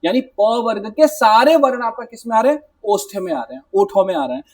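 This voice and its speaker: High-voiced male Hindi teacher, dry distant sound. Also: sing-song, dry recording. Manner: explanatory, repetitive, mixes English words, says "ठीक है" and "है ना" often; demonstrates sounds slowly. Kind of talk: exam-prep classroom lecture. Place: classroom.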